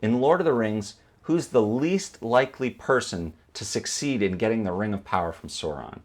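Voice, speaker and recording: Male instructor for tutorial narration, lowish voice, explains clearly and sets up rhetorical questions. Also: lively intonation, moderate pace. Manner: explanatory, poses questions and answers them. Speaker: film editing instructor.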